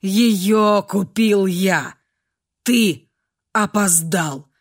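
A woman voicing a cold, possessive beast-man protector who speaks slowly and commandingly. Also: mid-range voice, voice pushed down.

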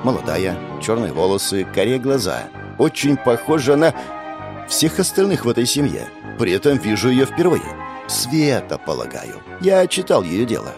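A man's voice: mid-range voice, very animated, moderate pace, creaky, over music. Sardonic male audiobook narrator. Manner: sardonic, wry inner monologue. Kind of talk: first-person audiobook narration.

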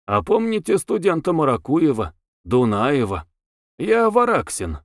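A man voicing a tall, gloomy workman who speaks quietly but insistently, calm and indifferent. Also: a little high, a little slow, no room sound, studio quality, exaggerated voice.

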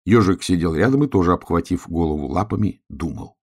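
A man reads a children's tale aloud in a low, gravelly voice with a husky rasp. His narration rises and falls with lively expression. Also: brisk. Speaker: storyteller. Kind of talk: storybook reading.

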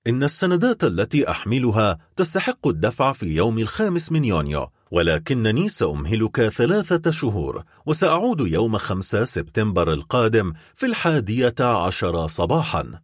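A composed English creditor's agent, formal and measured, with a quietly sympathetic air, as a male narrator puts him on. His voice sits low and husky, and the sound is dry and close. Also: very animated, no room sound.

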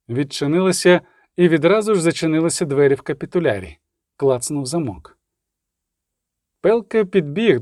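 A man narrates an audiobook with a steady, even read. His voice sits a little high for a man. The sound is dry and close, with no room around it. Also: no echo. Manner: steady storytelling read, acting out characters.

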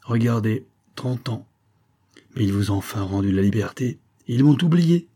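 A man's voice: lowish voice, animated, normal speed, warm tone. A man voicing a grave, emotional old man who was long imprisoned. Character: old frail male former prisoner, grave.

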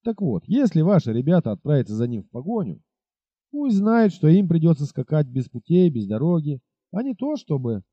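A man reading aloud, voicing a burly village innkeeper who gives advice in a folksy, unhurried way. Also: on the high side, big pitch swings, breathy edge, no room sound. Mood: unruffled. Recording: dull lo-fi recording.

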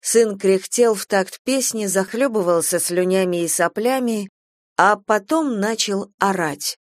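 A woman narrating a dark story as an audiobook, in a measured, dryly ironic way. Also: mid-range voice, no room sound, studio quality.

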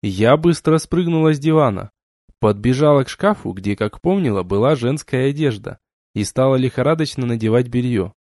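A man reading a first-person novel aloud as an audiobook, with expressive narration. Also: medium pitch, no room sound, clean studio sound. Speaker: audiobook reader.

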